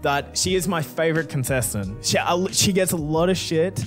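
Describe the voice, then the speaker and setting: A man's voice: a little high, moderate pace, faint music behind. Blunt, crude young man. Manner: crude, blunt, joking, frequent swearing. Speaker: YouTuber answering fan questions. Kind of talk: casual Q&A.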